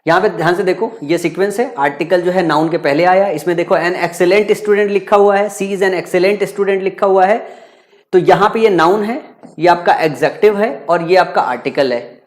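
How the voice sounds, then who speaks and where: Speaking at a normal speed in a high voice, a man leads students through exam-prep grammar. He calls them "bachcha," asks himself rhetorical questions and supplies the answers, hammering the same point again and again.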